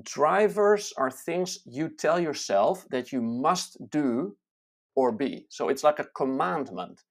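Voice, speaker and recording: A self-help teacher speaking in a slow, deliberate way, reading lists with pauses and explaining ideas with small restarts and fillers. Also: mid-range voice, animated. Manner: measured, reads lists slowly with pauses.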